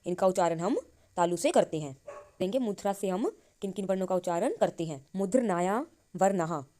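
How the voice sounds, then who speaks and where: A lowish, expressive woman's voice with a dark tone leads a Hindi-language lesson on Sanskrit grammar. She questions and answers herself while reading syllables in a slow, drawn-out way.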